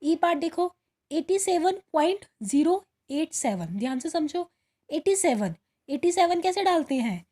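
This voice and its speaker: A woman's voice: high voice, mellow. A woman teaching primary school from a worksheet, patiently walking young pupils through each step and often checking they follow. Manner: patient, repeats "ठीक है" and calls pupils "बेटा". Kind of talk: recorded worksheet lesson for children.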